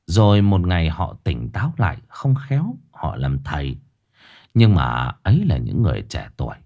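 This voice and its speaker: A man's voice: fairly low pitch, a little mellow. A man narrating a ghost story with a dramatic, varied delivery.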